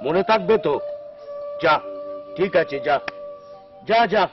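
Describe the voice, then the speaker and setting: A wild ascetic saint, raised in pitch and rough-edged in speech. He barks at his followers and calls out longingly to the Mother. The film sound is dull and lo-fi, with music playing behind him. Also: slow pace. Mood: gruff, preaching. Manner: gruff and blunt with followers, pleading cries to the Mother. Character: wild, fervent male ascetic holy man. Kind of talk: devotional film acting.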